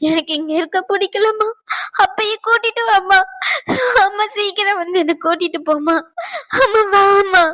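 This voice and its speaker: A woman's voice: very high voice, steady tone, unhurried, long pauses, pushed and bright, heavily acted. A woman voicing a frightened young married daughter who pleads through sobs for her mother to fetch her. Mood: sobbing. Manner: pleading, sobbing.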